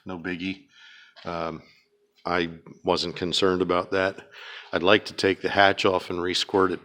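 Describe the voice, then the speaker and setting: A man with a Pennsylvania accent talks through his garage restoration work in a very deep, low register. His delivery is flat and even, loose and rambling, with frequent ums and uhs as he walks a handheld camera around the car. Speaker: DIY car restoration vlogger. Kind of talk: casual walk-around narration.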